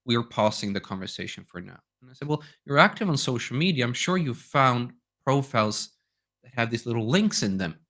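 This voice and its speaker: A man from Sweden, Swedish by native tongue, tells anecdotes during a conversational webinar presentation as a guest speaker on domains, regularly asking "right?". He sounds very animated and a bit fast, his medium-pitched voice bright and forceful.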